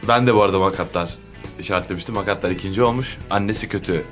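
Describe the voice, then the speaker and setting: A man's voice: low-pitched, rapid-fire, a bit bright, faint music behind. A man hosting a casual podcast, playfully announcing mock awards in a studio. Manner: playful, mock-ceremonial, laughs often. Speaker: podcast host. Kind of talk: casual chat, reading out award nominees.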